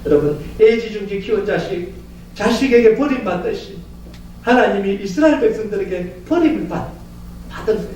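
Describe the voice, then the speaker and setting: A male pastor preaching a sermon in a church, telling stories in an animated way and often acting out voices. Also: sits high, brisk, a little hiss or hum. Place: church sanctuary. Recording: echoey church from far off.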